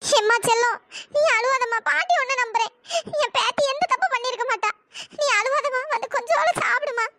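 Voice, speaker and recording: A sharp-tongued old grandmother in a cartoon story, voiced by a performer. She coaxes softly, then scolds loudly, always in a very high, bright voice. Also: brisk, heavily acted. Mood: tender coaxing. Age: older. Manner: scolding, shouting.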